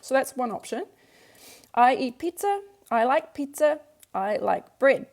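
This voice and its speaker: This English-speaking woman talks a little slowly in an expressive voice that sits high. She's teaching a workbook lesson, working patiently through examples in steps and reinforcing the key ideas by repeating them.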